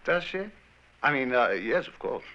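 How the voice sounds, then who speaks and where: An actor playing a kindly Victorian doctor in an old radio drama, stammering in a bluff, gallant way. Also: male voice, mid-range voice, big pitch swings, moderate pace, bright, forceful tone. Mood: earnest. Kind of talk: 1940s radio acting. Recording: dull old radio broadcast.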